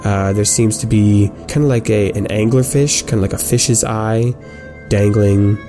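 A man narrating a tabletop game as game master, describing scenes in halting, improvised detail. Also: fairly low pitch, fairly even intonation, music in the background.

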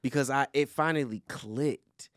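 A man's voice: medium pitch, unhurried. A man from Flint, Michigan, telling stories animatedly in a casual podcast chat, laughing often. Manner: animated storytelling, laughs a lot. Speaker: podcast guest.

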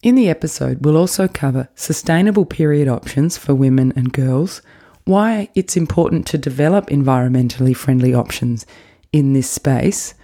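A woman's voice: extremely low pitch, normal speed, warm tone. A middle-aged woman hosting a podcast interview, asking questions and chatting with short friendly acknowledgements. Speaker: podcast host.

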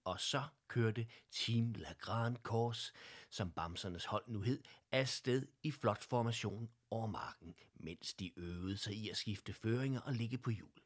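A man narrating a children's audiobook in a calm, lively read-aloud manner. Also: lowish voice, slightly rough.

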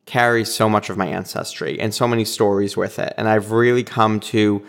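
A man with a Boston accent, talking as a guest in a casual, reflective interview and pausing often to search for words. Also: on the low side, fairly even intonation, vocal fry. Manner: thoughtful, pauses often with filler words. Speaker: podcast guest.

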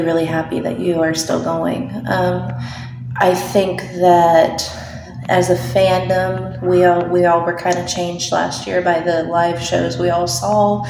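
Lady's voice message, low gravelly voice, far off in a roomy spot w/ noise behind. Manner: hurried, rambling. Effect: recorded voice message played back. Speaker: listener sending a voice memo. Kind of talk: casual voice note. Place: hidden spot at work.

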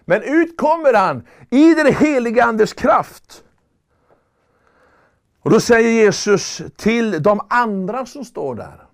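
A man with a notably high voice preaches a sermon. He speaks earnestly and with emphasis, often building up to loud, ringing calls. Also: lively intonation.

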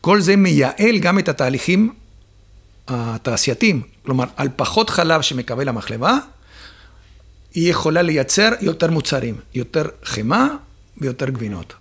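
A man speaking as a dairy farming expert in an interview, explaining step by step with frequent filler pauses. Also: on the high side, very animated, fairly bright tone, slightly rough.

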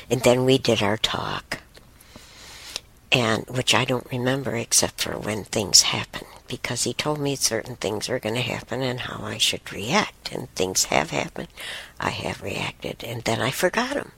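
Slow, gravelly woman host. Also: very deep voice, expressive. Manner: rambling, with soft whispered asides. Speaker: show host. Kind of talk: casual spiritual storytelling.

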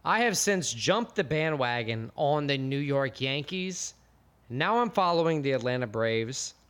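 A man's voice: mid-range voice, expressive, unhurried, a bit bright. An American man co-hosting a podcast, chatting casually with enthusiastic, rambling jokes. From United States. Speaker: podcast co-host.

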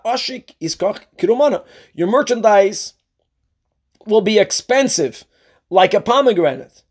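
A man's voice: sits high, darkish tone. A man. He reads a phrase, then explains it. He often restates a point in other words to make it plain. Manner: explanatory, repeats and rephrases points. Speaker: religious teacher, rabbi giving a Talmud class. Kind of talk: Talmud lesson, reading and explaining.

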